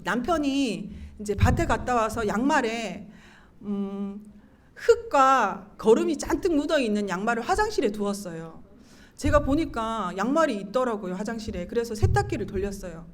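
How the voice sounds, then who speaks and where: High-pitched woman giving an emotional testimony. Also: normal speed. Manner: animated storytelling, acting out her own quoted lines, laughing and tearful at times. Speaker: church deaconess giving a testimony.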